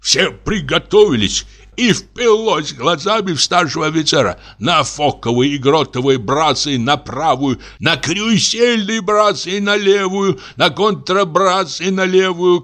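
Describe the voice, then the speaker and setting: A man voicing a deaf, pompous old retired navy captain who talks in a booming, declamatory way. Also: a bit bright.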